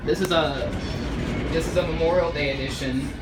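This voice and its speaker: A vlogger talks casually in a medium-pitched voice, commenting off the cuff. Loud music and vehicle sounds fill the train car around the voice. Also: steady tone, moderate pace, reverberant, poor audio. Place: inside an airport train car.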